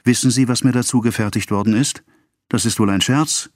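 A man's voice: mid-range voice, steady tone, fairly quick, no room sound, studio quality, voice pushed up, natural voice. A man reading the part of a desperate young woman who pleads with a creditor, in a raised, agitated voice. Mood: feigned ease.

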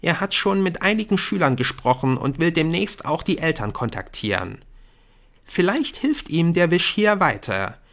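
An anxious, earnest schoolboy, as a male audiobook reader puts him on, pleading and pressing his friend. The voice sits well above the reader's own, lifted high and swinging widely in pitch. It sounds urgent and worried throughout. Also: big pitch swings, moderate pace, vocal fry, a bit bright, heavily acted. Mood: worried, insistent. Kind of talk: audiobook character voice.

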